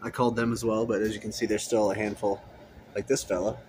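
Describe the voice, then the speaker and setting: A man with a low voice gives a relaxed, rambling walkthrough of his tanks while he films on a phone. He talks easily and sometimes speaks to the fish. A faint hum of room ambience sits behind him. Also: fast talker. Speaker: aquarium hobbyist vlogger. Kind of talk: casual tank walkthrough. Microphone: handheld phone camera.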